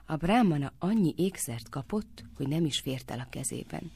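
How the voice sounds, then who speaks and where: A woman reading a storybook tale aloud for radio in a measured, expressive way. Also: low-pitched, gravelly, breathy edge.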